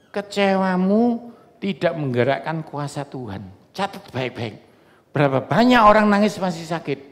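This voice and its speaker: A male pastor preaches to his congregation, chatty and joking as he tells stories. His voice sits fairly high for a man, and it rings with the long reverb of a church hall. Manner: conversational, joking storytelling to a congregation. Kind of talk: sermon.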